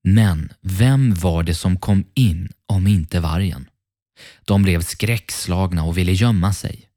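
A man hosting a children's story podcast, narrating a fairy tale in a friendly, gently paced storytelling voice. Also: low-pitched, no echo, studio quality. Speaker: storyteller host.

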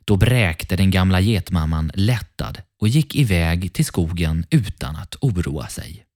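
A man hosting a children's story podcast, narrating a fairy tale in a friendly, gently paced storytelling voice. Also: low voice, lively intonation, no echo, studio quality. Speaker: storyteller host.

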